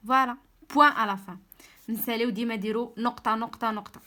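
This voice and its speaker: Brief: young Moroccan-accented female tutor, slightly high voice, slow careful dictation. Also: steady tone, pushed and bright. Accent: Moroccan Arabic. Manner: slow, drawn-out dictation of French words. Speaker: online tutor. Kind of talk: French lesson explained in Moroccan Arabic.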